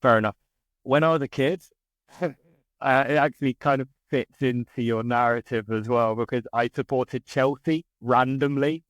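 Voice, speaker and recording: A man's voice: mid-range voice, dry recording, poor audio. A man from southern England with a modern British RP accent, chatting casually and discursively as an interview guest. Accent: southern English RP. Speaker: interview guest, English teacher. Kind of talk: casual conversation.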